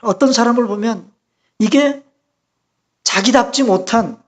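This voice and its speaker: A male pastor delivering a Sunday sermon, his voice sitting high for a man. He keeps turning to the congregation with rhetorical questions, pushing his voice up and louder on his key points. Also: a little slow.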